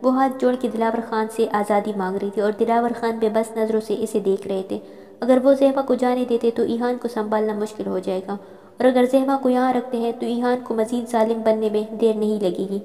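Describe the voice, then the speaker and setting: A woman's voice: a little high, fairly even intonation, warm tone, long reverb tail. A woman narrating a romance novel aloud, reading every character in her own voice.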